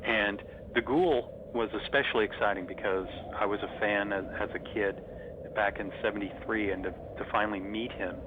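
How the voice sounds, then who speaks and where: A middle-aged man reminisces like an enthusiastic fan in a casual interview. His voice is a little on the low side and comes over a thin, phone-like connection with clear noise behind it. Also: fairly even intonation, normal speed. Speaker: interview guest, horror host. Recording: noisy, thin phone-like line.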